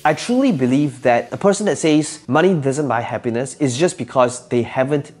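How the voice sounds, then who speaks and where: Animated and a little mellow, this medium-pitched entrepreneur, a native Cantonese speaker, shares motivational advice to camera at a moderate pace. He leans on rhetorical questions, emphasis and repetition of his key phrases.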